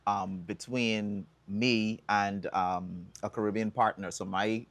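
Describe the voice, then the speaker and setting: A Bahamian man telling stories as an interview guest, relaxed and chatty, with bursts of excited whoops. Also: on the low side, slow, no echo. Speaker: songwriter and environmental advocate guest. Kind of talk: casual interview answers.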